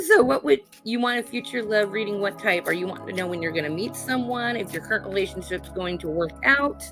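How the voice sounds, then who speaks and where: A woman with a cold, her voice going hoarse, giving live psychic card readings and calling her viewers honey and darling while checking in with "okay?". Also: mid-range voice, animated, a little fast, hardly any pauses, a bit bright, soft background music. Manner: calls viewers honey and darling, adds "okay?" tag questions.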